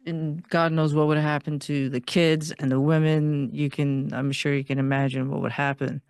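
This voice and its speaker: A woman from Iran, a guest on an interview podcast, telling her life story in an earnest, steady way. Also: low voice, moderate pace, clear, resonant tone, no room sound, studio quality.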